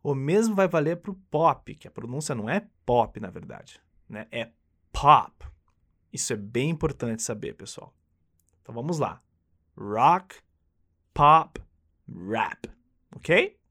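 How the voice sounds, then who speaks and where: With a husky, mid-range voice and lively intonation, a Brazilian man teaches a friendly English lesson at a normal pace. He's upbeat, coaching the listener to repeat phrases.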